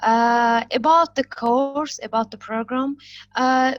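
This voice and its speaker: Woman from azerbaijan, halting, dull dry call sound. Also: high voice, fairly even intonation, no echo. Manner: halting, searching for words. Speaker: student. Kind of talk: speaking on a video call. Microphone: video call. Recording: dry muffled call audio.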